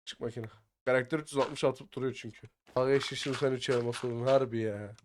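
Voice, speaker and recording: A man chatting with teammates over voice chat while playing a survival game, slangy and excitable, sometimes muttering quietly and sometimes breaking into shouts. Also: mid-range voice, quick pace, slight background noise. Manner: excitable, slangy, bursts into shouting when attacked; often mutters quiet asides. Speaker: gaming YouTuber. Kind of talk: casual gameplay chat with teammates.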